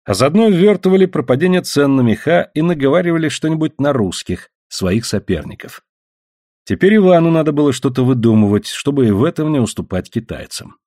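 A man's voice: on the high side, expressive, a little fast, mellow, no room sound, clean studio sound. A man narrating an audiobook, reading expressively and voicing the characters.

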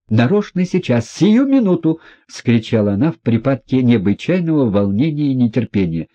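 A man's voice: medium pitch, dark tone, slightly rough, lo-fi sound. A man narrating a classic novel as an audiobook, reading expressively. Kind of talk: scripted literary narration.

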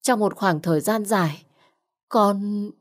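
A woman's voice: medium pitch, takes it slowly, voice pushed up, natural voice. Cold scornful young woman, read by a woman. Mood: aggrieved.

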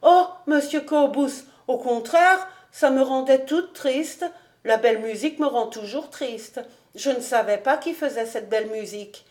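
A shy young girl from a storybook, wide-eyed and full of wonder, read by a woman who raises her voice for her. She sighs her words high and slowly, soft with awe. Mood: admiring.

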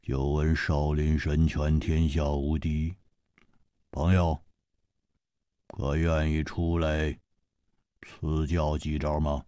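A man voicing a sinister male swordsman who talks slowly and menacingly in a whining, half-crying way. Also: very deep voice, flat delivery, warm tone, no room sound, studio quality, voice pushed down. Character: sinister male swordsman with a weeping mask-face.

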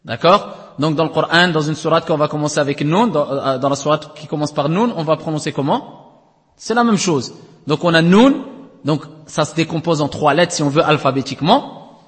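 In a classroom lesson on Quranic recitation rules, a man explains step by step, checks understanding with frequent tag questions, and chants letters at length. His voice is fairly high and brisk, with a big-room sound.

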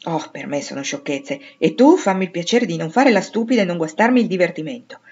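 A woman voicing a blunt, tomboyish teenage girl, brisk and emphatic. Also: lowish voice, animated, a little mellow, husky, muffled recording. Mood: brusque.

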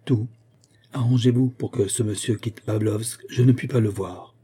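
Man doing a haughty young noblewoman, scornful, mocking, raised higher than his own voice, husky. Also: fairly even intonation, moderate pace, dark tone. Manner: mocking, disdainful.

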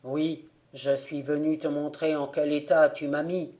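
A woman's voice: low voice, level tone, measured pace, dark tone, voice pushed down. A woman reading a cavernous male ghost. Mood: hollow. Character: hollow-voiced ghost of a dead man.

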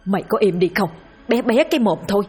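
A woman voicing a gruff, bullying middle-aged male dog butcher in a spooky audio story, speaking harshly and curtly. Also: low voice, moderate pace, soft background music. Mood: angry. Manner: harsh, curt, threatening.

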